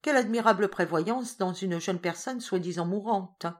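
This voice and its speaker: A woman's voice: mid-range voice, normal speed, natural voice. A woman reading an audiobook voices a smug, deceitful young man who answers in a cool, dismissive way.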